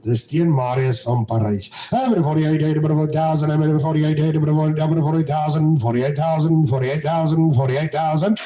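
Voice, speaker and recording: A man working as a livestock auctioneer, chanting bids in a fast rhythmic run. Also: on the high side, fairly even intonation, warm tone. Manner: rhythmic chant of repeated bids, switching languages. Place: cattle sale ring. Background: crowd of buyers.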